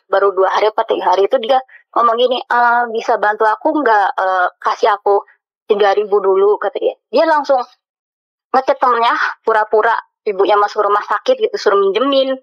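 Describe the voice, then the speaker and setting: A woman's voice: mid-range voice, a little fast, no echo. A woman calling in for advice, retelling her story in an emotional, rambling way with many fillers, close to tears. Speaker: caller. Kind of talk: phone-in advice chat. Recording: dull lo-fi phone audio.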